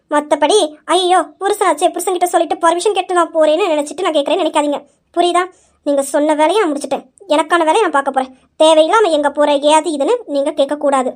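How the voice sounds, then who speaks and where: A defiant young wife, played by a woman in a homemade audio drama, scolding and insistent. She speaks with a very high, rapid voice. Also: close to an everyday voice.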